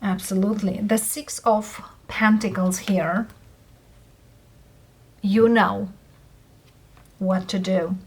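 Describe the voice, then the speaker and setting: Non-native english woman doing a tarot reading, really slow, lots of pauses between little phrases. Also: medium pitch, fairly even intonation, a little mellow, slightly rough, rough recording. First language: not English. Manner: halting, pausing between short phrases. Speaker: tarot reader host. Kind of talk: casual tarot card reading.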